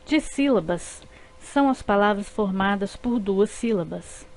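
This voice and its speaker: Slow, careful Brazilian woman narrator. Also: mid-range voice, animated, darkish tone. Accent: Brazilian Portuguese. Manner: spells words out syllable by syllable. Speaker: narrator of a lesson video. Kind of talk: slow scripted lesson narration.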